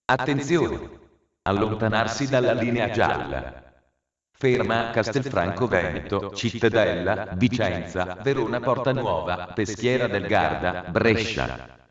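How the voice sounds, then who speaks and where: Echoey, flat formal male station announcer. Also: fairly low pitch, measured pace, recorded from a distance. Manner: flat, formal, segmented phrasing. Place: train station public address system. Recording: echoey dull station loudspeaker from afar.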